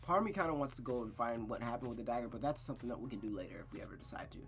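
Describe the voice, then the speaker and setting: Animated and very fast, this man's mid-range voice carries a visual novel stream over soft background music. He goes back and forth between narrated reading and casual, profane recap chat, slangy and exclamatory, repeating for emphasis.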